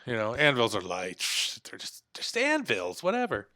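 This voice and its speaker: A man's voice: medium pitch, wildly swooping pitch, normal speed, pushed and bright. A man hosting a gaming channel, chatting casually as he builds and thinks aloud, trailing off and humming to himself. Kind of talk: casual gameplay commentary.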